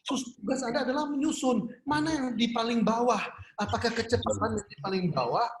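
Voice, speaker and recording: A man's voice: extremely high pitch, a little fast, roomy sound, slight background noise. A man giving an online business seminar in a chatty way, laughing often and asking the audience questions.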